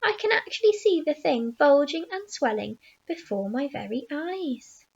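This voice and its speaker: A woman voicing a bossy, cruel, excitable aunt from a storybook, shouting and snapping imperiously. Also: a little high, moderate pace, gravelly, dull audio. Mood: excited, amazed.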